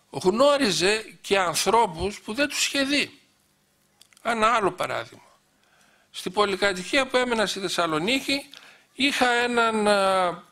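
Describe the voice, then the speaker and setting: A man's voice: high voice, bright, forceful tone. A middle-aged man recounting personal memories in an anecdotal storytelling talk, quoting dialogue with frequent "he says" asides. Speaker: guest speaker recounting memories.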